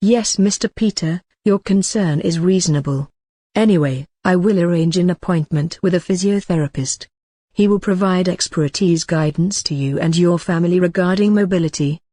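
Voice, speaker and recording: A woman playing a reassuring ward nurse in a scripted role-play, speaking gently, calmly and rather formally. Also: fairly low pitch, moderate pace, no room sound, studio quality, lightly acted. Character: reassuring female ward nurse counselling a patient. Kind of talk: scripted role-play dialogue for exam practice.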